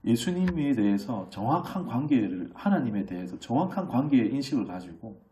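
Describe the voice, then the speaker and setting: A middle-aged man preaching a sermon as pastor, conversational and animated, often asking the congregation questions and acting out voices. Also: medium pitch, a little fast, far from the mic. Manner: animated, acts out children's voices in quotes.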